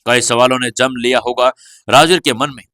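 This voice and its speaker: A male storyteller reading a serialized audio novel with a steady, even delivery. His voice is bright and forward, and the recording is dry and close with no room sound. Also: mid-range voice, a little fast, dry recording. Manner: steady storytelling, voicing every character. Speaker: narrator. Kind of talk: scripted audio-novel narration.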